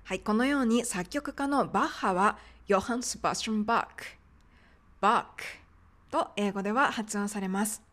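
A woman's voice: mid-range voice, brisk, few pauses, fairly bright tone. A woman teaching medical English pronunciation in a polite, explanatory podcast lesson.

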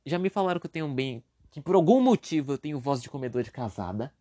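A man's voice: mid-range voice, expressive, quick pace, warm tone. A young man with a Brazilian Portuguese accent, talking on his own podcast, rambling casually with self-deprecating jokes. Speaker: podcast host. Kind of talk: casual solo podcast monologue.

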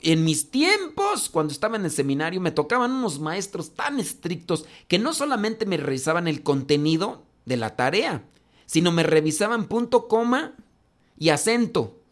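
A man's voice: high voice, very animated, normal speed. A man with a Mexican accent, a priest giving an informal class, chatty and teasingly scolding as he answers questions. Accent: Mexican Spanish.

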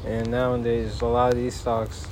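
A man hosting a casual solo podcast outdoors in a backyard, rambling in a folksy way and pausing mid-thought. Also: mid-range voice, completely flat delivery, darkish tone. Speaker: podcast host. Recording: noisy outdoor backyard, wind and ambience.

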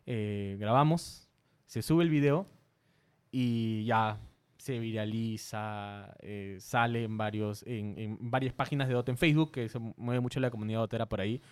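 A man's voice: on the low side, moderate pace, clean tone. A man from Peru, a content creator, telling a story in a casual interview, earnest and a little self-conscious, often restarting his sentences.

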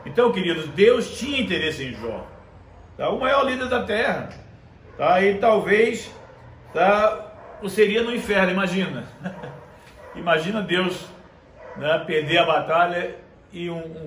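A male preacher delivering a conversational sermon, reading scripture aloud slowly and checking in with his listeners. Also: on the high side, expressive, a bit bright, a little hiss or hum. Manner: conversational, constant tag questions. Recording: echoey room with faint ambience.

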